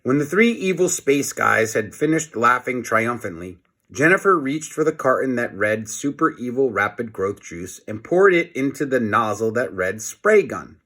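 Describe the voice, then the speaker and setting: A man with a mid-range voice reads a children's story aloud, expressive and playful, adding dramatic pauses and asides to his listeners.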